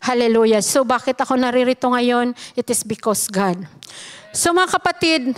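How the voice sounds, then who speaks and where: A woman's voice: a little high, moderate pace, clean tone. A Filipino woman giving an earnest personal testimony to a church congregation, emphatic and often addressing her listeners as brothers and sisters.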